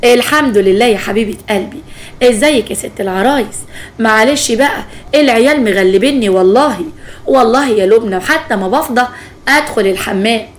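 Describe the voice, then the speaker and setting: A woman's voice: fairly high pitch, fairly quick, natural voice. A woman voicing a chatty, gossipy young neighbor with an Egyptian Arabic accent, in a spoken story. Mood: cheerful.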